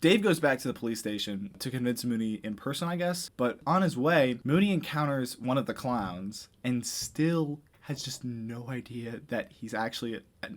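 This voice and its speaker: A man giving a casual, comedic movie recap in an incredulous, animated way, with slangy, sweary speech. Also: medium pitch, normal speed, few pauses, soft background music. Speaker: movie reviewer.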